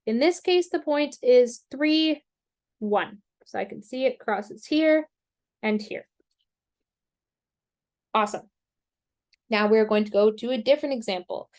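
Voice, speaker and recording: A woman math teacher explaining graphing step by step in a slow, patient way, with self-deprecating asides, and she has the hiccups. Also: fairly high pitch, lively intonation, a little mellow. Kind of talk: recorded screen-share math lesson.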